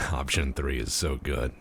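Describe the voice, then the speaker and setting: A man's voice: rumbling low, vocal fry, sharp tone, a little hiss or hum. A man hosting a gaming video with casual, jokey, crude commentary and some swearing. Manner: jokey, crude, sweary, plays around with silly voices.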